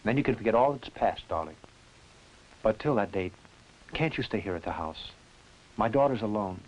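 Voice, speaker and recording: A man's voice: fairly low pitch, expressive, moderate pace, muffled recording. A man playing a firm, reassuring suitor and father in a dubbed old horror film, speaking in a soothing, insistent way. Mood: tender, pleading. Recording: hissy, noisy old film soundtrack.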